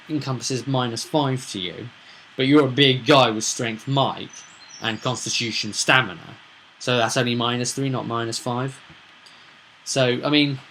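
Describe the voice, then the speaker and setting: Over a rough recording with a little hiss or hum, a man with a bright, forceful, medium-pitched voice recaps a tabletop roleplay session as its game master. His casual vlog monologue rambles through an explanation, full of emphatic points and rhetorical questions.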